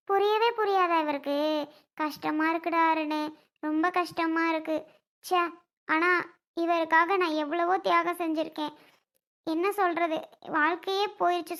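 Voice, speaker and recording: A woman's voice: very high voice, vocal fry, fairly bright tone. A woman acting in a melodramatic family skit, pleading in a tearful voice.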